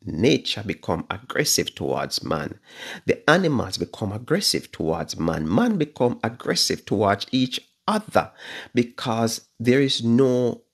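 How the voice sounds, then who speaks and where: Filmed on a phone at arm's length, a pastor in his fifties with a Jamaican accent leads a livestreamed Bible study indoors in his living room. His mid-range voice is creaky with a breathy edge, and he preaches with fervor, repeating phrases and drawing out words he stresses.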